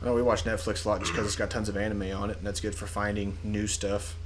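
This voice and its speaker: Young male co-host, mid-range voice, relaxed and rambling, easy chuckle. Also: fairly low pitch, fast talker, background noise. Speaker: podcast co-host. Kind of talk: casual joking chat.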